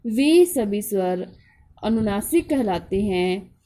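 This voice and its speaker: A woman's voice: mid-range voice, expressive, takes it slowly, dark tone. A woman teacher giving a school grammar lesson, posing questions to the class and answering them herself. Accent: Hindi.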